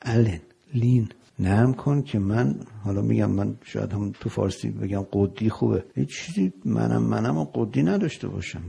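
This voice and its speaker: A man giving a religious sermon, explaining Arabic prayer phrases in Persian and slowing down on the quotations. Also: on the low side, animated, creaky, dark tone, slightly rough. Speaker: preacher.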